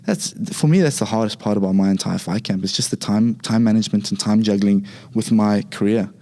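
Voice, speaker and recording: A young man from Zimbabwe with a Zimbabwean accent, chatting relaxed as a podcast guest, with many fillers and restarts. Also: on the low side, fairly quick. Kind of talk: casual interview talk.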